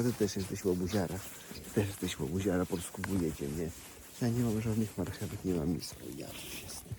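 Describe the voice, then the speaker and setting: A man's voice: lowish voice, background noise. A man at an animal sanctuary, chatting fondly to donkeys and viewers as he walks through their paddock. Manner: affectionate, chatty, talks baby-talk to donkeys. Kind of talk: casual vlog talk to animals and viewers. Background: animal sounds outdoors.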